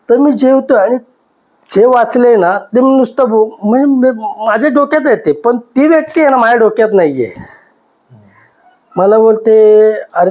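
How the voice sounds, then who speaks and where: A man in his fifties with a fairly high voice tells a podcast host about a ghost encounter from his past. He talks in an emotional, repetitive way and keeps circling back to the same moments. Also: a little mellow. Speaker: podcast guest. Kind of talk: recounting a personal ghost experience.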